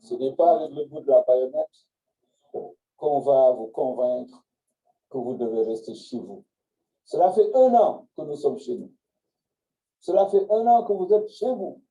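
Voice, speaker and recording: A man's voice: fairly high pitch, lively intonation, a little slow, pauses often, dark tone, lo-fi sound. A man, a public official, giving a solemn and emphatic formal address.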